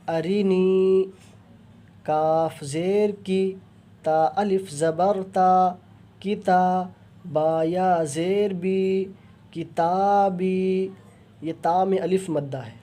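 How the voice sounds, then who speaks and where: A man teaches reading in a high, mellow voice. He spells out each syllable, stretches the practice words slowly, and races through the rules in between. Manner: spells syllables one by one, then draws out model words slowly; rapid explanations between drawn-out examples. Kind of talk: spelling-out recitation lesson.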